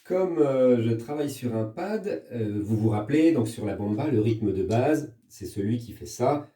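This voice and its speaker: A man's voice: mid-range voice, expressive, moderate pace, dark tone, recorded from a distance, a little hiss or hum. French man teaching drums in an echoey room. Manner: patient, step-by-step explaining with counting aloud. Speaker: music teacher. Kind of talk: recorded percussion lesson for pupils. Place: room at home with a practice pad.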